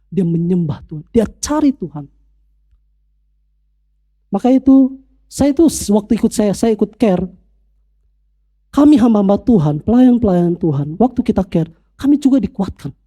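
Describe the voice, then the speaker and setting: A male pastor preaching a sermon from the church pulpit, repeating phrases and rising to animated emphasis. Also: sits high.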